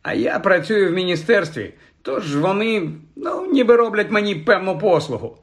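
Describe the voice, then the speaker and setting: Earnest, weary wizard father, read by a man, grave and measured. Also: high voice, very animated, voice pushed up. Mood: awkward. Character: middle-aged wizard father, tired and earnest.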